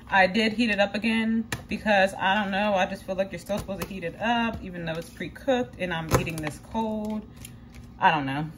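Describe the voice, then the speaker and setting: A woman's voice: mid-range voice, noisy background. A young woman talking casually to her vlog audience while cooking in her kitchen, chatty and candid, filling her talk with "like" and casual swearing. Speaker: vlogger. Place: home kitchen.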